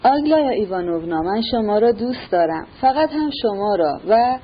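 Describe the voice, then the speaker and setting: A woman's voice: mid-range voice, lively intonation, husky. Woman reading a timid, breathless young prince. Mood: earnest. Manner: hesitant, breathless pleading. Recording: muffled recording with faint hiss.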